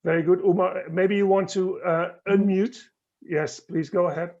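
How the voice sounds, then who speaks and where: A man moderating an online panel, pausing often and restarting his sentences. His voice is gravelly and a little high, and it comes through a dull, lo-fi video call line. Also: fairly even intonation, darkish tone. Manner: halting, many fillers and restarts.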